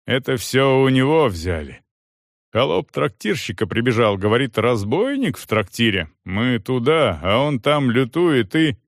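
A man voicing a rough, eager castle guard who talks bluntly and loudly. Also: mid-range voice, big pitch swings, measured pace, no room sound, studio quality. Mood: mocking report. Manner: loud blunt soldierly speech.

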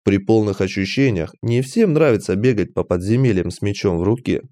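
A man reading a fantasy audiobook aloud as first-person narration, in an animated, expressive manner. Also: lowish voice, a little fast, dry recording.

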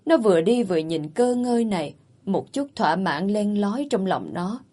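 A woman narrating a dramatic family story in a steady, expressive reading. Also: medium pitch, moderate pace.

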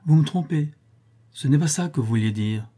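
A man's voice: a little high, expressive, breathy edge. A man voicing a playful, teasing young working girl who scolds her friend fondly. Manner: playful, scolding, bright and quick. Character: lively teasing young woman, a grisette.

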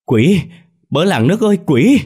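A man voicing a panicked middle-aged village woman in a ghost story, shrieking and begging in a raised high voice. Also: normal speed. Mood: terrified.

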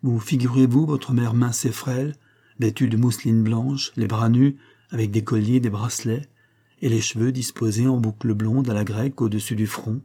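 A reserved middle-aged mother in a storybook, speaking in a calm, measured way, as a man reads her. The voice is dark and a little husky. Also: mid-range voice, natural voice. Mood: reflective.

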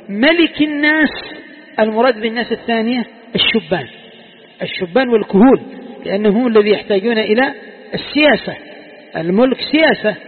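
High-voiced sheikh quizzing his class. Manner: asks the class questions and repeats key phrases. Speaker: sheikh teaching Quran commentary. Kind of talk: classroom tafsir lesson. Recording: tinny lo-fi recording with long hall reverb.

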